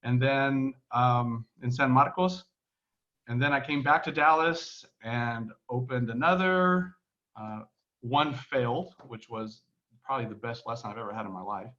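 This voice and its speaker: A man with a Texan accent, originally from Texas in the United States, speaks in a mid-range voice that is a little slow and a bit bright, though the audio is dull. He's a podcast guest on a remote call from his home in Barcelona, telling his story in a casual, rambling interview full of restarts and fillers.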